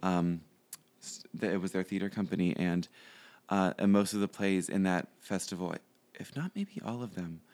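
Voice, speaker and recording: A man's voice: low voice, normal speed, darkish tone. A young man, a podcast guest, chatting casually and rambling with lots of fillers and restarts. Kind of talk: casual interview chat.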